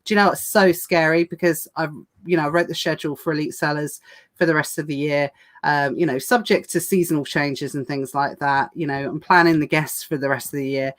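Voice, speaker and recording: A podcast host chats casually on a livestream, talking fast with many fillers and restarts as her voice goes hoarse. It sits low with fairly even intonation.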